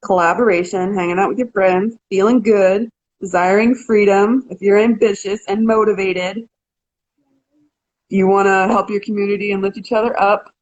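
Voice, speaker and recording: A talkative woman co-hosting a casual live chat. She laughs easily and keeps restarting her sentences as she goes. Her voice sits at an ordinary middle pitch for a woman. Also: fairly even intonation, moderate pace, dull audio. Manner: chatty, laughs often, many restarts. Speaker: co-host.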